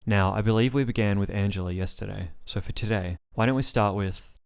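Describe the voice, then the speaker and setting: A man reading the part of a calm, rule-bound woman doctor in a storybook reading. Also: fairly low pitch, a little fast, vocal fry, smooth. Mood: polite.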